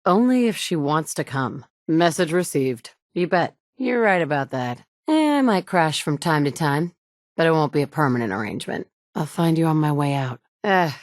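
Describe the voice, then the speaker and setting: An actress voices a video game's player character, a confident and wry adult woman surviving in a wasteland, delivering blunt, self-assured lines. Her voice is low-pitched, and the studio sound is clean with no room ambience.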